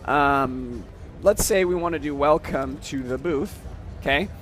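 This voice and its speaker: Casual man demoing software. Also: a little high, measured pace, faint music behind. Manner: casual, explains step by step, frequent "okay?". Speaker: software demonstrator. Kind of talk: casual product demo. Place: trade show floor.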